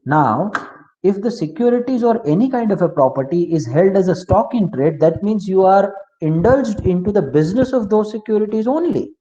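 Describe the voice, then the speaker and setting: Indian guy teaching tax law online, kinda high but mellow voice, slightly muffled mic. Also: expressive, moderate pace. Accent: Indian English. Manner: explanatory, repeats key terms, asks the class questions. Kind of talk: online class lecture. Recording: slightly dull, lo-fi.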